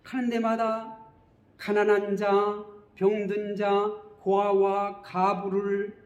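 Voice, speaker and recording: High-voiced man preaching a sermon. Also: echoey room. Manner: keeps asking questions to the congregation and answering them. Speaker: pastor.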